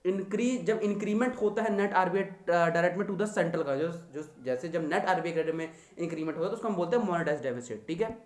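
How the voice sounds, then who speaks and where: A man's voice: sits high, fast talker, few pauses, roomy sound. A young man teaching economics to exam students in a chatty, teasing lecture style. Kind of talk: casual Hindi lecture.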